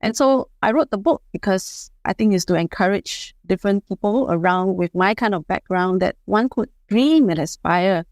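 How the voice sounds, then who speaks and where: A woman in her fifties from Singapore, speaking as a guest in a podcast interview, measured and advisory, often saying "you know". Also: mid-range voice, darkish tone, no room sound. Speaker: guest, HR leader and board member.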